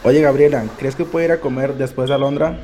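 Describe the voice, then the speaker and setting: A man's voice: mid-range voice, steady tone, fast, natural voice. A man voicing a young male coworker who nervously points out something suspicious. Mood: worried. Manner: hesitant, worried. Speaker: employee. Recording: faint music underneath.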